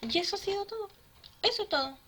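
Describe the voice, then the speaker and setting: A woman teaching a grammar lesson to children, patient and often checking with a quick "¿ya?". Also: extremely high pitch, animated, fairly bright tone, a little hiss or hum.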